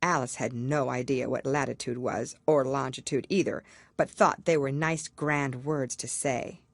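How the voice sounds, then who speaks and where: A woman narrating a children's storybook as an audiobook reader, in an expressive style. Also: a bass voice, measured pace, gravelly, dry recording, clean studio sound.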